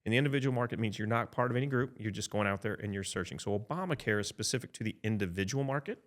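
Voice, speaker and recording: A man of about fifty, an insurance advisor, explaining coverage in a relaxed podcast chat, often checking in with "right?" and restarting sentences. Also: fairly low pitch, very fast. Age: 50s. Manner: chatty, frequent "right?" tag checks and restarts.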